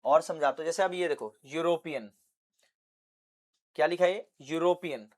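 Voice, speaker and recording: A man's voice: fairly high pitch, moderate pace, darkish tone. A young man teaching English basics with a Hindi accent, asking questions and answering them himself. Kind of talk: classroom lesson.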